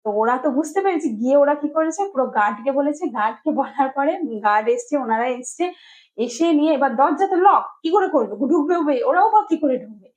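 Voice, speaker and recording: A woman's voice: high-pitched, expressive, quick pace, a little mellow, poor audio. A young woman telling viewers a story about her child in a chatty, rambling way, full of fillers and restarts.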